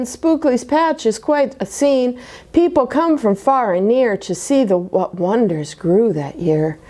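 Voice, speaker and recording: A woman with a medium-pitched voice performs a rhyming picture book for children at church story time. Her reading is animated, with sudden drops into dramatic whispering.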